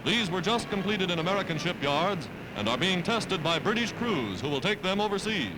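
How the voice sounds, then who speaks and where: A man's voice: high-pitched, big pitch swings, normal speed, heavy background noise. A man narrating an old wartime newsreel in an emphatic, declamatory way. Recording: archival film soundtrack with loud music behind.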